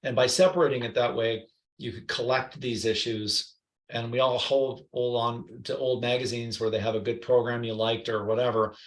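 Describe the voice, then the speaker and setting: A man guest in a podcast interview, telling lively anecdotes full of quoted voices. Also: medium pitch, moderate pace. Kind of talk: storytelling interview chat. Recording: roomy echo.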